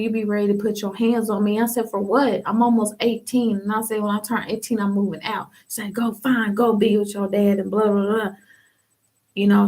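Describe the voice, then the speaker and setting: A young woman from Ohio telling her personal testimony in a candid, casual way, full of slang and fillers. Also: mid-range voice.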